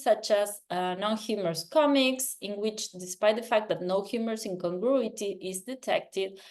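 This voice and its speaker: A woman from Argentina walks listeners through her research findings. She speaks in a measured academic manner and often pauses on filler sounds while she finds her words. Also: mid-range voice. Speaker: researcher presenting a poster. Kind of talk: academic presentation.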